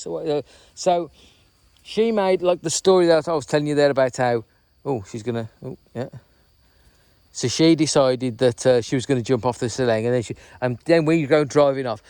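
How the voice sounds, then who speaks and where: A man's voice: fairly high pitch, darkish tone, no echo. A man chatting in a rambling, casual way on a walking vlog outdoors by a reservoir. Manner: rambling, chatty, full of "you know what I mean". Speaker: vlogger.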